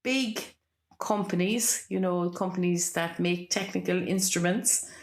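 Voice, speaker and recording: A lowish-voiced Irish woman talks like a natural storyteller. Her delivery is lilting and animated, full of conversational anecdotes and little questions to the listener. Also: unhurried. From Ireland.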